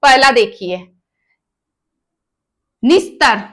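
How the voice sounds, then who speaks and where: A woman's voice: fairly high pitch, animated, a bit bright. A woman with a Rajasthani Hindi accent teaching an exam-prep Hindi grammar lesson, asking the class questions and answering them herself as she goes through each option. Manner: spells out words slowly, option by option.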